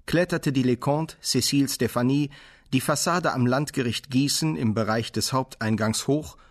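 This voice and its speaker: A man's voice: medium pitch, normal speed. A man reading an official police report aloud in a dry, officious manner.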